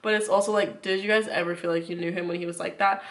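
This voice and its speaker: A woman's voice: lowish voice, fairly even intonation, fast talker, fairly bright tone. A woman chatting casually to viewers in an informal, rambling way with lots of "like", sick with a runny nose. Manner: informal, rambling, frequent filler "like". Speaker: YouTuber.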